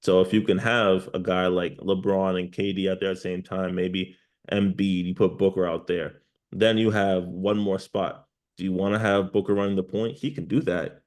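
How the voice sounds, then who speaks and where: A man's voice: low-pitched, darkish tone. A man from New York giving analysis as a sports journalist in an interview, making emphatic points and building them up in lists.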